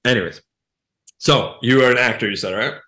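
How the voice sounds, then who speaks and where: A man's voice: medium pitch, a little fast. A man hosting a podcast, chatting casually and friendly with his guest. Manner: relaxed, friendly, reads scripted intro and ad. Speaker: podcast host. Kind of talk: casual interview chat.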